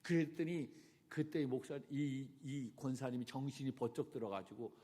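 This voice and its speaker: Husky-voiced pastor giving a storytelling sermon, swings loud and soft, big reverberant sanctuary. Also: male voice, mid-range voice, steady tone, moderate pace. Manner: dramatic swings from hushed murmurs to shouting. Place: church sanctuary.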